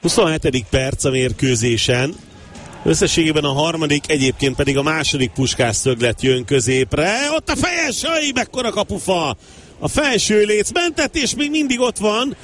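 A man giving excited Hungarian sports commentary on a football match, bursting into shouts at the big moments. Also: fairly high pitch, slight background noise.

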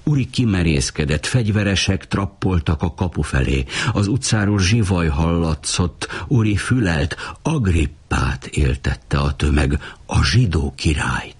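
A man reading a novel aloud as an audiobook narrator, in measured storytelling. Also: sits low, animated, slightly rough. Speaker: audiobook reader.

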